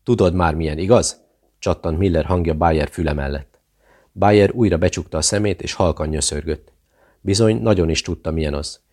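A man reading a thriller aloud as audiobook narrator, steady and measured. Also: sits low.

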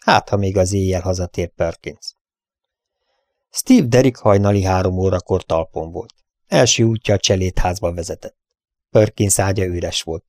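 A man reads an adventure novel aloud with a low, gravelly voice. His storytelling is steady but lifts for the dramatic moments, and the recording is dry and close with no room sound. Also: no room sound. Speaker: audiobook narrator. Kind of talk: audiobook narration of an adventure novel.

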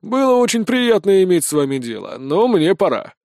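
A man's voice: high-pitched, very animated, moderate pace, darkish tone, no echo, studio quality, pitched above the performer's own voice. A man voicing a sly, smug army sergeant in an audiobook, barking his lines.

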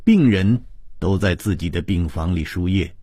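A male storyteller with an extremely deep, dark and husky voice, narrating a suspense serial in a measured, dramatic manner. He is recorded close to the mic in a dry studio. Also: no room sound.

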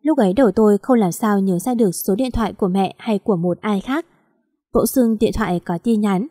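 Woman narrator, mellow warm tone, dry close sound, steady story reading. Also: medium pitch, fairly quick, dry recording.

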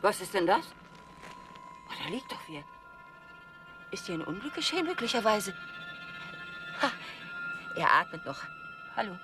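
A woman's voice: medium pitch, sing-song, normal speed, pauses often, over music, close to an everyday voice. An actress playing a fussy, flustered old woman horse dealer in a radio play, exclaiming in alarm. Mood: worried. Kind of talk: radio drama acting.

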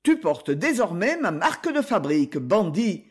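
A proud, hot-tempered chevalier barks orders in a lively, animated voice, as a male reader puts him on. His manner is commanding and menacing, a swashbuckling hero of an old storybook adventure. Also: high-pitched, unhurried, breathy edge, full character voice.

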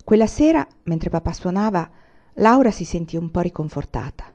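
A woman reading a storybook aloud in a steady, expressive way. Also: fairly low pitch, moderate pace. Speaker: audiobook reader. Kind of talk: read-aloud storybook narration. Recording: dull lo-fi recording.

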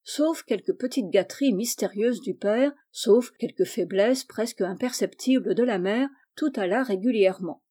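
A woman reading a classic novel aloud in measured, clear narration. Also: mid-range voice, warm tone. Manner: measured and clear, acts out the dialogue. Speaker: audiobook reader.

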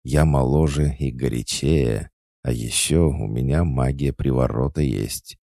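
A man's voice: extremely low pitch, a little slow, gravelly, warm tone, no room sound, clean studio sound, heavily acted. A man voicing a cheeky, sarcastic young witch in an audiobook, teasing and mocking. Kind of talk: audiobook character voice.

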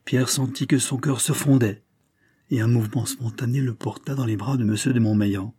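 A man narrating a classic novel in a measured, dramatic reading. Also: mid-range voice, steady tone, mellow, husky. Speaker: audiobook narrator.

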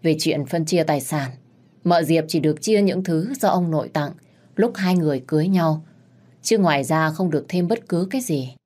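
A woman reads a story aloud in a steady, solemn tone. Her voice is low and husky, with a breathy edge. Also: normal speed. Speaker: story narrator. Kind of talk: scripted narration.

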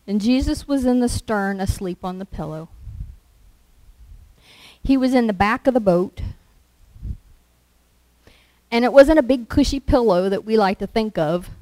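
A woman preaching a sermon, telling the story in a slow, conversational way and acting out quoted lines. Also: medium pitch, animated, mellow, no room sound, low-quality recording.

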